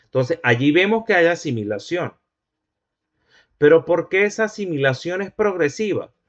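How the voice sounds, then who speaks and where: A man's voice: on the high side, expressive, moderate pace, no room sound. Man teaching a phonology lecture. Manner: patient, repetitive, asks checking questions. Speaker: linguistics teacher. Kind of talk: university lecture. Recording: dry, dull lo-fi recording.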